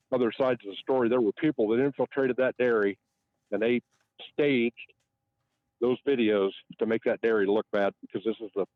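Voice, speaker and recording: A man's voice: medium pitch, dry recording. Older man ranting over a dull line. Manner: ranting, opinionated, repeats himself. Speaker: livestock truck driver and fellow show host. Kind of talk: phone-in chat. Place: outdoors at a truck loading site.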